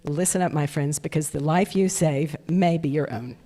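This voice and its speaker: This older woman talks at a moderate pace in a low voice against a noisy background. She's at an indoor club meeting, casually sharing anecdotes and laughing at her own tale as she leads into introducing the guest speaker, with the room's long reverb audible throughout.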